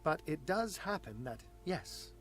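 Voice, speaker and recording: A haughty cryptic occultist. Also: male voice, a little high, sing-song, fairly bright tone. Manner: haughty, measured, condescending. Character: aloof male occultist, scornful and cryptic. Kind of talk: video game voice acting. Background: game music.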